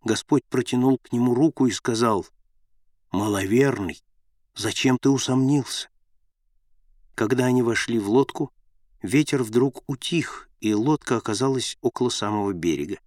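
A man's voice: medium pitch, a little mellow, no room sound. Solemn male storyteller, dry close sound. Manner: measured, solemn reading. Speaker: narrator. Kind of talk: scripted narration of a Bible story.

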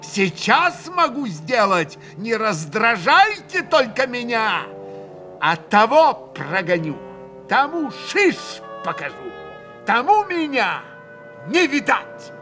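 A man's voice: sits high, expressive, slow pace, pushed and bright, soft background music, voice pushed up, heavily acted. A man reading an audiobook, voicing a proud, passionate young woman who swings into hysterical outbursts. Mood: fierce, defiant. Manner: fierce, sobbing outbursts.

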